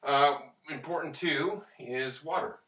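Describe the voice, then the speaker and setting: A man's voice: fairly high pitch, slow pace, pushed and bright. A man working as a fitness instructor, explaining exercises step by step as he leads a workout. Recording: echoey room, distant microphone.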